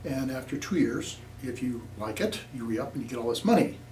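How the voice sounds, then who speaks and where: A man's voice: mid-range voice, expressive, fairly quick, darkish tone. An older man from Nebraska, speaking plainly with many fillers in an oral history interview. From Nebraska, USA. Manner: plainspoken, rambling with frequent fillers. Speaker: veteran being interviewed. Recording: echoey room, distant mic, faint noise.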